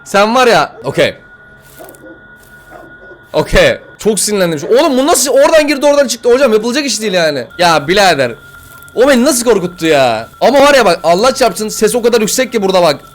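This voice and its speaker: A young man playing a horror game, swearing, joking and yelling at the game as he comments. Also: sits high, sing-song, brisk, faint music behind. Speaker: gaming YouTuber.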